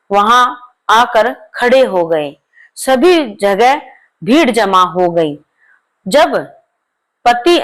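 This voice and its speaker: A woman narrating a devotional folk story, repeating phrases as she tells it. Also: on the high side. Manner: slow, repetitive retelling.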